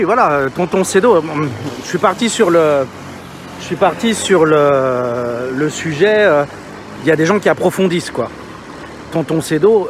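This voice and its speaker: A man livestreaming as he walks, out of breath, chatting in an informal, slangy, rambling way. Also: a little high. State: out of breath, panting from walking. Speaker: live streamer. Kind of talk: casual chat to livestream viewers while walking. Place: outdoors, walking in an urban area. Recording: noisy outdoor street sound with traffic.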